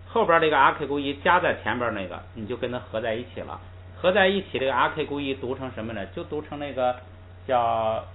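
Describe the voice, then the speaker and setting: Teacher, tinny lo-fi recording. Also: male voice, medium pitch. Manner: patient, explains step by step and drills pronunciation aloud. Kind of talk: classroom language lesson. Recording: tinny lo-fi recording with faint hiss.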